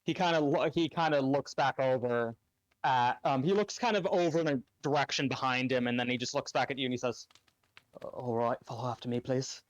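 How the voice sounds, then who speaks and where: A man narrating as game master of a tabletop game, halting with ums and restarts. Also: mid-range voice, no echo, dull audio. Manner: hesitant, lots of ums and restarts.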